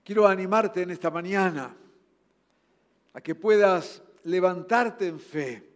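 A man with a Rioplatense Spanish accent preaching a sermon. He urges his listeners earnestly, rising loud and then dropping to soft, low passages. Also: slow pace. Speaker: pastor. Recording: long hall reverb.

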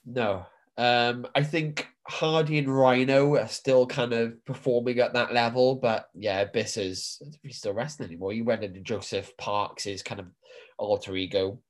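A man's voice: medium pitch, steady tone, moderate pace. A man co-hosting a podcast in a casual, informal and loosely rambling chat style. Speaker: podcast co-host.

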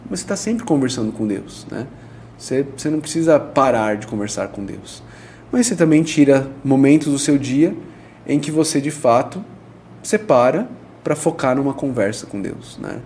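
A pastor with a dark, mellow male voice talks through his teaching in an easygoing, conversational way. He leans on everyday examples and tag questions, over a faint hiss in the background. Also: medium pitch, expressive, moderate pace.

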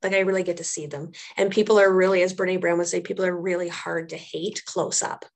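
Fairly quick and steady in tone, this lowish female voice belongs to an interview guest who works as a trauma therapist and social worker, aged thirties or older. She reflects earnestly, circling back to phrases to stress them.

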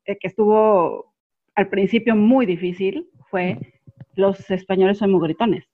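Guest: woman, expressive anecdote teller, muffled low-fidelity recording. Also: a little slow. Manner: expressive storyteller, laughs often. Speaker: guest sharing her experience. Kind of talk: casual group chat.

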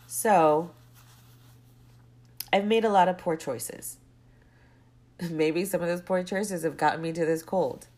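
A young woman hosts her own casual solo podcast, her low-pitched voice stuffy and congested with a cold. She speaks slowly with lively intonation and frequent pauses, rambling and drifting into tangents and side stories before circling back to her point.

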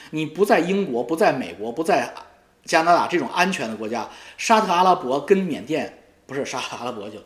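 A man rants in a taunting, profane monologue, as a YouTube commentator goes after a rival. His voice sits a little high and swings widely in pitch. The recording has a roomy echo. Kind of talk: ranting monologue.

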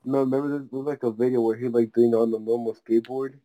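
A young man co-hosting a podcast, chatting in a relaxed way and laughing often. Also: mid-range voice, fast talker, poor audio. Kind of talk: casual chat.

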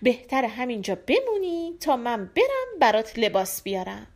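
A woman's voice: a little high, very animated, a little mellow. A woman voicing a curious young prince who talks to himself in a storybook folk tale. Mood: eager. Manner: musing aloud, earnest.

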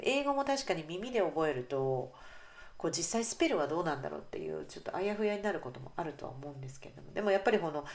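Woman podcast host and English coach, low voice, casual solo chat. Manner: chatty, warm asides with frequent "ne" and fillers.

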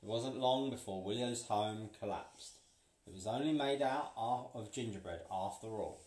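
A man reading a picture book aloud to a child, playful and pausing so the child can finish sentences. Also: fairly low pitch, darkish tone. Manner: playful, pauses for the child to fill in words. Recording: roomy, from a distance.

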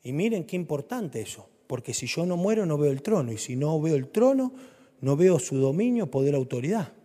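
A male preacher with a Rioplatense Spanish accent and a high, lively voice that climbs and drops through his sermon. He swings from loud, urgent lines to soft, low ones. His voice rings out with a long reverb, as in a church hall. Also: normal speed.

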